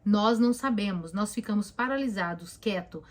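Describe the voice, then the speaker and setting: A woman's voice: mid-range voice, moderate pace. A woman with a Brazilian Portuguese accent, a therapist giving casual advice on a live stream, talking emphatically and repeating points as she coaches listeners directly.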